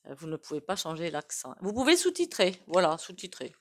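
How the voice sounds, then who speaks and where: Chatty French tarot-reading woman, low voice. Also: big pitch swings, fairly quick. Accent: regional French. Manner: chatty, rambling, with many fillers and self-asides. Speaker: tarot reader. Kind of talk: casual tarot reading to camera.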